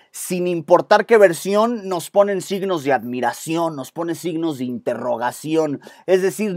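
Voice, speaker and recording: A man with a Mexican Spanish accent preaching a sermon with intensity, breaking off for quick asides to his congregation. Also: on the high side, no echo, clean studio sound. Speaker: pastor. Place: church set with stage lights.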